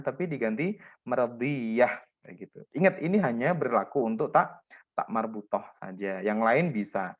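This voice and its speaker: A man's voice: medium pitch, muffled recording. A man teaching Quran recitation rules to a class, patiently explaining and modeling example words, often checking in with his students. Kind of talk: classroom lesson on tajwid rules.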